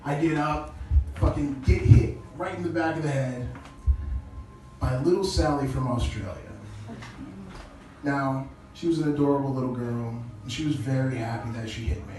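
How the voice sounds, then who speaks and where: A male stand-up comedian with a casual, crude delivery who chuckles at his own jokes, heard through low-quality stream audio. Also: normal speed, mellow. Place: small comedy club stage. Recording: echoey low-quality stream from far off with noise.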